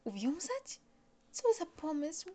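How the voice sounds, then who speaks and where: A woman voicing a small, gentle, curious boy prince from another planet, asking innocent, wondering questions. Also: sits high, big pitch swings, moderate pace, voice pushed up. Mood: puzzled.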